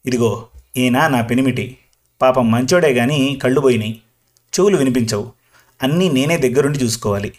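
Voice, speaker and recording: A man doing a slow, rambling old grandmother. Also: medium pitch, lightly acted. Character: chatty old village grandmother, talkative and proud. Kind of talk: storybook reading.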